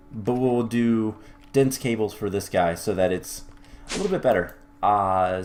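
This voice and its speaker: A man hosting a game let's-play who explains his building as he goes, thinking aloud with fillers and restarts and the odd wry aside. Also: fairly low pitch. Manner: mildly wry, self-correcting. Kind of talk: casual gameplay commentary.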